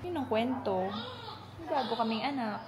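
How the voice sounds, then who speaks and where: A woman's voice: on the high side, animated, normal speed, darkish tone. A young Filipino woman vlogging in casual chat, telling a story with an easy, talkative manner and a Filipino accent. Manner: chatty, mixing Tagalog and English, cooing baby talk to a puppy.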